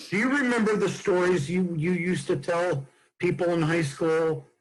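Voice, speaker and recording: A man's voice: high voice, moderate pace, rough recording. A man in his sixties hosting a casual comedy chat, joking and telling anecdotes. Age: 60s. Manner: jokey, tells anecdotes. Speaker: host.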